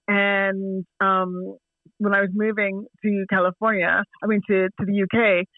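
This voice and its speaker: A Canadian woman from Toronto, in her forties, chats casually as a guest over a call, telling stories and laughing often. Her mid-range voice shows little pitch movement and an unhurried pace. The recording is dry, coming through a tinny phone line.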